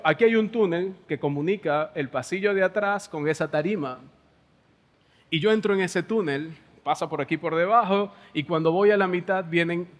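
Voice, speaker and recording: A Venezuelan pastor preaching a sermon in a church hall, telling personal stories in an animated way and laughing between lines. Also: male voice, fairly high pitch. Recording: long church hall reverb.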